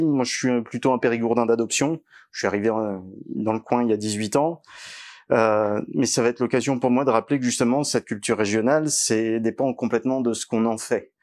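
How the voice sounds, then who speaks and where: Halting man giving a campaign speech. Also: medium pitch, steady tone, darkish tone. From western France. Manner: earnest, halting with frequent fillers. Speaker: political candidate. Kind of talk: public meeting speech. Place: village hall.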